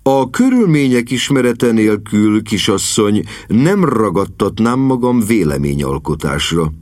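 A man's voice: on the low side, very animated, darkish tone, dry recording, clean studio sound, voice pushed up. A man doing a stiff, formal old butler. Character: solemn bass-voiced old butler.

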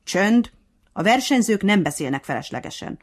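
A woman's voice: mid-range voice, sing-song, darkish tone, voice pushed up. A woman voicing a fair-minded but bossy male hare acting as referee in a storybook tale, speaking in a strict, commanding way.

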